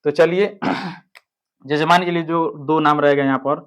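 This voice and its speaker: Guy teaching an online grammar class, slightly high voice, keeps asking ok?. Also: steady tone, unhurried, a bit bright, clear, resonant tone. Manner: explains step by step, keeps checking with "ठीक है".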